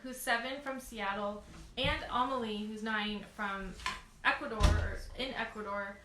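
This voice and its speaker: A woman co-hosting an educational session for children in casual chat, haltingly thinking aloud. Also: mid-range voice, fairly even intonation. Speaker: co-host of a children's question session. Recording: echoey room, background noise.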